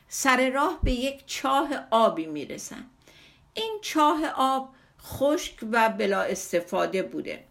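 A woman's voice: on the high side, fairly bright tone. Woman retelling an old poem's tale. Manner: conversational, patient, retelling step by step. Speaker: teacher explaining classical poetry. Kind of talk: storytelling explanation of a poem.

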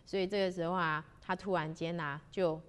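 A woman's voice: on the low side, steady tone, clear, resonant tone. A woman tells a spiritual moral story to fellow practitioners. She speaks unhurriedly and draws out the particles at the ends of her phrases. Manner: unhurried, sentence-final particles drawn out. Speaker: religious storyteller.

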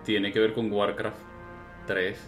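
A man's voice: on the low side, flat delivery, slow pace, fairly bright tone, faint music behind. A man, co-hosting a casual chat and cutting in to steer the talk. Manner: prodding, interrupts to steer. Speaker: podcast co-host.

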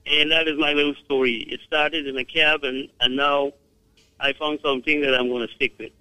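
A man from Guyana calling in to a radio show. His voice is bright and a little high, with a dry, close sound, and he speaks politely and hesitantly, with many pauses. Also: little pitch movement, no echo, rough recording. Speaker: caller. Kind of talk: phone-in testimonial.

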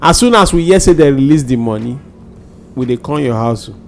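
A man's voice: medium pitch, lively intonation, a little fast, gravelly, soft background music. A Nigerian man speaking Nigerian Pidgin as a panelist in a casual radio discussion.

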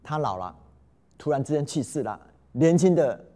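A man telling parables in a lecture to an audience, with dramatic swings in loudness and frequent drawn-out fillers. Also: a little high, animated.

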